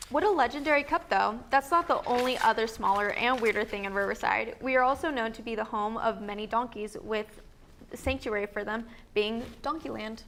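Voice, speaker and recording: A woman's voice: on the high side, a little fast, a bit bright, a little hiss or hum. Upbeat young woman co-hosting local news. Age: young adult. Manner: upbeat, jokey read with small stumbles. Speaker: student news co-host. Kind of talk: scripted local news feature.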